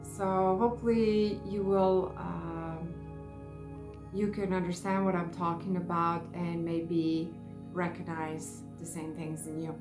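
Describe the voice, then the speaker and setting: A woman from Serbia with a Serbian accent, speaking English as a second language, telling her personal story in a halting way as she searches for words. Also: lowish voice, little pitch movement. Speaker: face yoga vlogger. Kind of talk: personal testimony vlog. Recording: echoey room with music behind.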